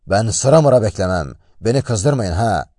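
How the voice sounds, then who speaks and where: A man's voice: on the low side, animated, quick pace, dark tone, no echo, clean studio sound. A man voicing a huge, boastful brute who roars and blusters in a told story. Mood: blustering. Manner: roaring, blustering.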